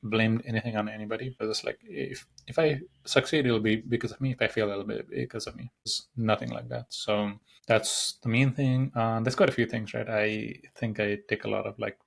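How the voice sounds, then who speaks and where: Young male podcast host from Nepal, low gravelly voice, loose and rambling, lots of "like, you know". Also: fairly even intonation, a little fast, few pauses. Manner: rambling, many fillers and restarts. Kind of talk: casual solo podcast talk.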